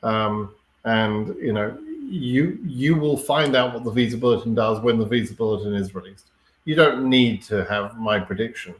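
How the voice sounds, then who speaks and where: A man hosting a live question-and-answer stream, explaining things in a relaxed way and often checking in with "right?" and fillers. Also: on the low side, normal speed, roomy sound, a little hiss or hum. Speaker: host answering viewer questions. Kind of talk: live Q&A chat.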